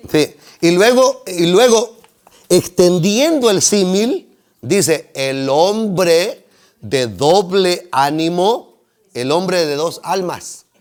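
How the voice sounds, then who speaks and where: Man, seminary teacher, high voice, slow deliberate lecturing, asks the class questions. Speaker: homiletics teacher.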